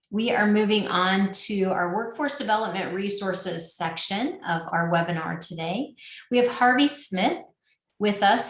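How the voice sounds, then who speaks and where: A woman moderating an online panel webinar, upbeat and joking as she passes questions to the panelists. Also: mid-range voice. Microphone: video call. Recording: roomy echo.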